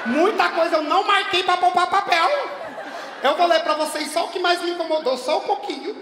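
A male comedian voicing a brash, indignant woman who is caring for her father in hospital. She talks in a loud, gossipy, dramatic way with shouting bursts in a stand-up monologue. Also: very high-pitched, fairly quick, a little hiss or hum. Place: theater stage at a live show. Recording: echoey hall, from far off.

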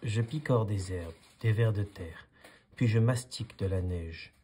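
A man voicing a shy young male duck who is afraid of water, in a calmly read storybook. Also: fairly low pitch, a little slow, breathy edge. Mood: timid. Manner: timid, hesitant.

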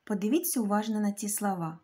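A woman's voice: medium pitch, fast talker, a little mellow. A woman teacher giving a children's reading lesson, carefully sounding out letters and syllables and addressing the children directly.

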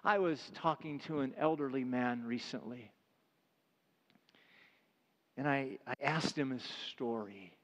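A middle-aged male pastor preaching a sermon with emphasis, who drops to a hush when he retells tender moments. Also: mid-range voice, takes it slowly, long pauses, big-room sound, lo-fi sound. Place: church sanctuary.

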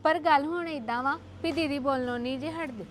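A woman playing a quarrelsome, sharp-tongued young wife in a family drama. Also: high-pitched, slight background noise, lightly acted. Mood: complaining. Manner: fast, sharp and retorting.

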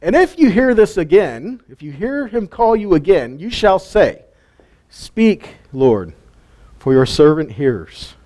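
A man voicing the old high priest Eli, weary and dismissive, sending a boy back to bed. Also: big pitch swings, takes it slowly, dark tone.

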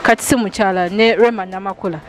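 A woman's voice: mid-range voice, fairly even intonation, fast. A woman interviewing passers-by outdoors in a street interview, asking short, prompting questions. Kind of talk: vox pop street interview.

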